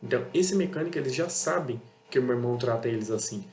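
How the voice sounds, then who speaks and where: A man's voice: medium pitch, animated, quick pace, darkish tone. A Brazilian man running an auto parts business talks bluntly in a casual monologue, repeating himself and acting out exchanges with customers. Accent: Brazilian Portuguese. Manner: blunt, repetitive, acts out dialogues with customers. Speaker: auto parts seller and channel host. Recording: echoey room with faint hum.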